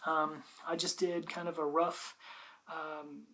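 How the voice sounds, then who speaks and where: A person doing an ASMR role-play as a patient, bookish librarian, softly and hesitantly explaining books to a visitor in a unhurried library soft voice. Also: medium pitch, little pitch movement, rough recording. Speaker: librarian showing gardening books.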